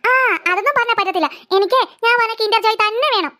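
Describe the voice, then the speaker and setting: Woman voicing a sulky crying cartoon girl, very high and bright voice, whiny. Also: quick pace. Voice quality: very high childlike voice. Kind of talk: cartoon voice acting.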